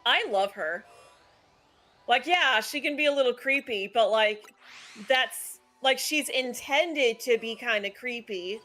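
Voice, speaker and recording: A woman's voice: on the high side, slow, sharp tone. A woman hosting a casual gaming chat, opinionated and analytical, talking with lots of "like" fillers. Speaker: channel host. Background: faint background music.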